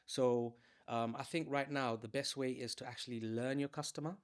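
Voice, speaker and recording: A man's voice: medium pitch, steady tone, moderate pace. A man in his thirties from Malawi, talking through his career as a salesman in an easygoing, conversational interview. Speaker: guest, salesman. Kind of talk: casual interview storytelling.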